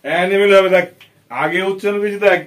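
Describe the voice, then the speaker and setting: A man with a high-pitched, fast, fairly even voice teaches children an English grammar lesson. He has a Bengali accent, patiently repeats his points, and quizzes his students.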